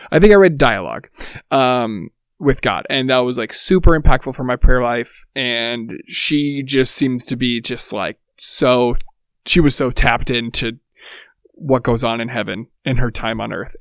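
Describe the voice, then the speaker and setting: A man's voice: medium pitch, vocal fry, fairly bright tone, smooth, no room sound, studio quality. A man co-hosting a podcast, talking with enthusiasm and rambling as he searches for words. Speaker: podcast co-host. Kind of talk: casual podcast chat.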